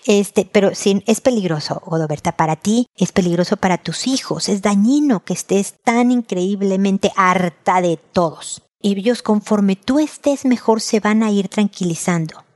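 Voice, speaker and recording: A woman's voice: medium pitch, normal speed, few pauses, a little mellow. A middle-aged woman gives advice to a tired mother on her show. She talks in a chatty, reassuring way, like a friend on the phone. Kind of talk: advice talk to a listener.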